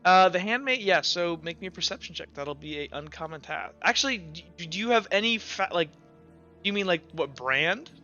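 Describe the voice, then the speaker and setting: Expressive and high-pitched with a sharp tone, a game master improvises narration for a tabletop roleplaying game at a moderate pace. He is casual and hesitant, loosely stringing lines together with frequent "like" and "kinda." Dull lo-fi audio carries background music.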